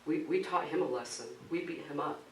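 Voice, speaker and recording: A man's voice: fairly high pitch, a little fast, lightly acted. A man voicing offhand village kids in his own voice while telling a story in a sermon, heard in an echoey room. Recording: roomy hall from a distance, faint background noise.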